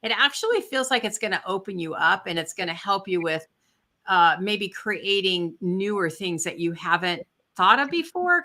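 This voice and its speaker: A woman's voice: mid-range voice, bright, forceful tone. A woman giving a chatty, encouraging spiritual card reading with asides and fillers, while she has the hiccups. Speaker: intuitive card reader.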